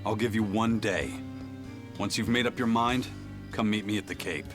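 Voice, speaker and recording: An actor playing a stern, gruff and resolute captain in a video game. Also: male voice, lowish voice, steady tone, normal speed, natural voice. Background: game music.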